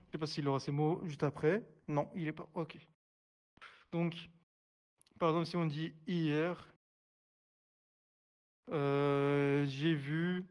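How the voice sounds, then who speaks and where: A man leads a live online sign language class, speaking slowly in a slightly raised voice. He hesitates constantly, fills gaps with little sounds and restarts his phrases. He repeats each word patiently as he demonstrates the sign. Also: a little high, smooth. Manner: hesitant, many fillers and restarts.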